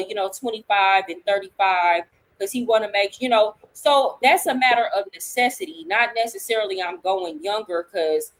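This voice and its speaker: A woman's voice: fairly high pitch, low-quality recording. Blunt woman hosting a livestream. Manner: blunt, opinionated, lays out arguments point by point. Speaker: livestream host. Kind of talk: casual opinion talk.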